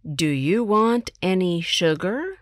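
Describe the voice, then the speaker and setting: Woman, american accent, lower voice, very slow textbook reading, dry recording. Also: expressive, dry recording. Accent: General American. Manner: clear, deliberate enunciation for learners. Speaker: textbook dialogue reader.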